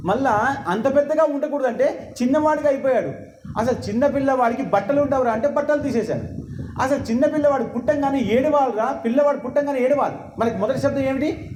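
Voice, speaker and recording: A man's voice: very high-pitched, darkish tone, a little hiss or hum. A man giving a religious sermon who lectures emphatically and asks his listeners rhetorical questions. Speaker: religious discourse speaker. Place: temple hall. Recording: echoey hall with faint ambience.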